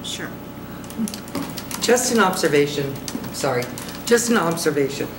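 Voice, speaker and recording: Seated at the dais of a large council chamber, a city councilwoman questions a presenter bluntly, plain-spoken and frustrated, at a public meeting. Her voice is low and animated at a measured pace, picked up by a desk microphone in an echoey, noisy room.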